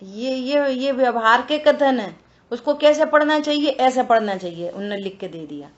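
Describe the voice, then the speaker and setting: A woman leading a religious scripture study in a lively conversational way, asking rhetorical questions and teasing her listeners. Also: mid-range voice. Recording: dull lo-fi recording.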